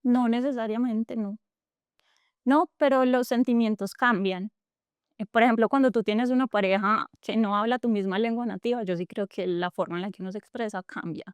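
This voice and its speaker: Here a woman in her thirties from Colombia's coffee region, a tech entrepreneur, talks as an interview guest with her region's accent. Her voice sits a bit high, steady and clean at a moderate pace with no echo, and she comes across earnest and reflective, full of fillers and restarts.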